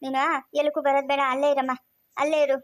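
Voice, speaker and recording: A woman playing a gentle rural Kannada aunt. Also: high-pitched, little pitch movement, quick pace, dry recording, natural voice. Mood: soothing. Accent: rural Chikkaballapur Kannada. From Karnataka. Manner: sighing, murmured asides with "ha?". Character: elderly village aunt, gentle and long-suffering. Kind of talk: village family skit.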